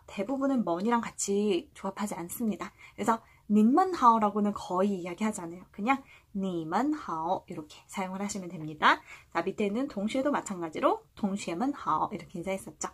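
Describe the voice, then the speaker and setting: Woman, language teacher, a bit husky, very expressive pitch, patient and encouraging. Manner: patient, slow model readings for repeating aloud; asks the viewer questions and answers them herself. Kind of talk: lesson.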